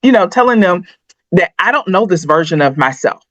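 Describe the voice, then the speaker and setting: A woman's voice: lowish voice, animated, normal speed, fairly bright tone, dry recording. A middle-aged woman co-hosting a podcast, chatting candidly and personally, thinking aloud with restarts. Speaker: podcast co-host. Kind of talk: candid conversational chat. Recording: dry, slightly dull podcast audio.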